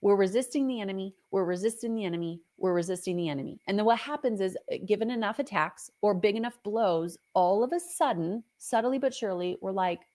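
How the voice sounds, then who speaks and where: Brief: middle-aged woman, podcast host and minister, conversational faith teaching, lively and playful. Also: medium pitch, fast, hardly any pauses. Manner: chatty and animated, with playful acted asides.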